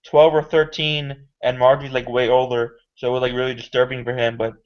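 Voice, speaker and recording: A man's voice: medium pitch, flat delivery, a little fast. A man in a casual review chat, adding dry, offhand remarks. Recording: muffled lo-fi recording.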